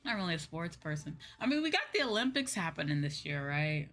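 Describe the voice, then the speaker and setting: This livestream host is a woman with a low, fairly bright voice, speaking fairly quickly and with great animation. As a virtual streamer, she chats casually and rambles, thinking aloud and circling back, while background music plays.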